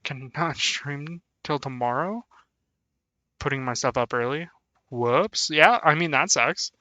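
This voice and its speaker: A man's voice: fairly high pitch, slow, bright, forceful tone, dry recording. A young man chatting casually on a live stream, laughing often and thanking his viewers. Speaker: VTuber streamer.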